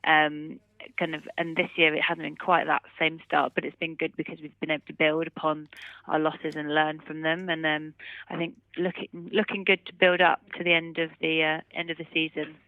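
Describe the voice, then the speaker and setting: Low-pitched and even-toned at a normal pace, a woman plays a rugby player chatting by phone after a match, hedging in loose run-on answers with "kind of" and "you know." The recording is dry, over a muffled narrowband telephone line.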